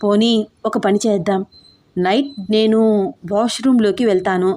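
Young husband figure, playful, bossy banter, warm mellow tone, woman reader, audio story. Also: mid-range voice, steady tone, normal speed, close to an everyday voice. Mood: scheming.

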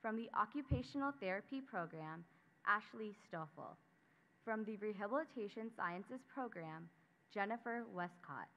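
A young woman, a student council member, giving a formal scripted ceremony speech at a podium microphone and announcing names in a measured way. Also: mid-range voice, lively intonation, sharp tone. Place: graduation ceremony. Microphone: speaking at a podium microphone. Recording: dull lo-fi sound.

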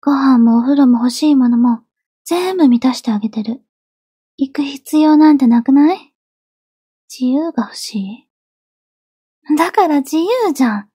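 A woman playing a possessive yandere girlfriend in a soft, breathy ASMR role-play, obsessively loving, clingy and sweetly menacing. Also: sits high, expressive, unhurried, long pauses, no room sound, clean studio sound. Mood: obsessive, insistent. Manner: yandere: obsessively loving, soft, pleading turning coldly threatening.

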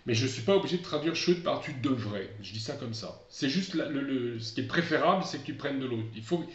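A middle-aged man from France teaching English, explaining at length in a chatty way and slowing down for English examples. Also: mid-range voice, lively intonation. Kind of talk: online lesson. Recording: muffled, echoey room.

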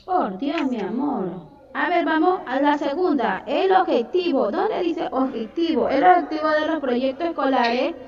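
A woman's voice: high-pitched, lively intonation, measured pace, a little mellow. A woman teaching a third-grade online class in Spanish, dictating and calling her pupils by pet names. She is from Ecuador and speaks with an Ecuadorian coastal accent. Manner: affectionate, calls pupils "mi amor" and "mi vida". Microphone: computer mic on a video call. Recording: echoey, distant, dull video-call audio with children talking. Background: children's voices.

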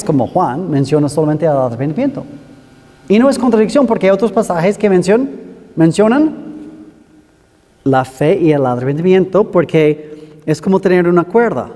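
A man's voice: fairly high pitch, warm tone. Earnest preacher man in echoing hall. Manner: earnest, pleading, addresses listeners as brothers. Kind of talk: sermon.

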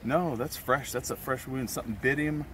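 Recorded on a handheld phone by a noisy, rocky creek, this relaxed outdoor vlog features a middle-aged Texas man coaching in easygoing chatter. His pitch sits in the middle range, and rushing creek water dominates the background.

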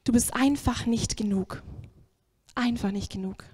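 A sneering male devil spits mocking taunts, as a woman preacher acts him out. His voice sits fairly high and stays in the speaker's plain register, with a scornful, belittling edge. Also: measured pace, darkish tone, breathy edge. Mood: taunting. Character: sneering male devil whispering cruel lies.

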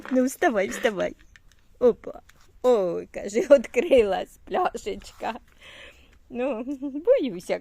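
A woman's voice: a little high, no echo. A woman in her sixties from Ukraine, a grandmother vlogging at home with her family and coaxing a toddler in sing-song baby talk. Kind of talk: casual home vlog.

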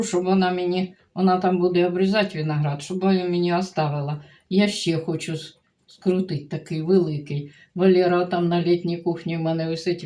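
Older ukrainian grandma rambling on in a home vlog, chatty, mixes languages. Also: female voice, on the low side, darkish tone. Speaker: vlogger grandmother. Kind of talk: casual home vlog chat.

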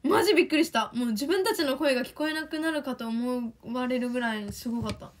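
A young woman with a Kansai accent, chatting excitedly on a livestream as an idol, reading fan comments. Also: sits high. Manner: chatty, excitable, quick bursts of enthusiasm.

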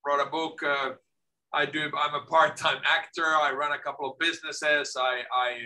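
Calling in from his home office, a middle-aged man from Finland is the guest in a casual video-call interview. His voice is on the high side and his pace moderate, and he speaks with energy, often repeating words at the start of sentences. The audio is poor.

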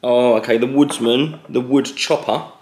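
Gravelly guy in his 30s opening gifts in an echoey living room, jokey. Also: medium pitch, steady tone, normal speed, a little mellow. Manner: reads gift cards aloud, joking. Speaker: vlogger, new dad opening gifts. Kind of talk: casual chat. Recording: echoey room, faint noise.

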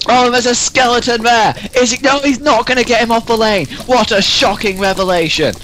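A man's voice: extremely high pitch, a little fast, fairly bright tone, slight background noise. A young man doing joking mock sports commentary over a game, laughing often in a playful announcer voice.

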